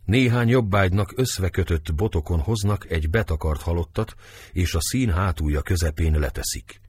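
A man reading a stage play aloud, giving the stage directions in a subdued, measured way. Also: deep voice, darkish tone, husky, no room sound. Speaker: reader.

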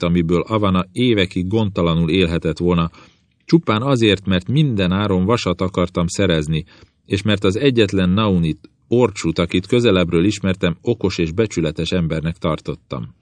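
A man narrating a novel in the first person, with measured, even storytelling. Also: deep voice, no room sound. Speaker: audiobook narrator.

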